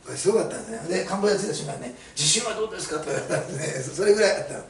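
A man's voice: fairly high pitch, lively intonation, racing, vocal fry. A middle-aged man preaching a sermon as a pastor, telling stories chattily with many fillers. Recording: roomy, mic at a distance, faint hiss.

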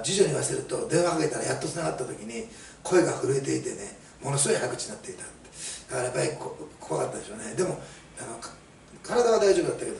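A man's voice: mid-range voice, gravelly. A middle-aged man preaching a sermon as a pastor, telling stories chattily with many fillers. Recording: roomy, mic at a distance, faint hiss.

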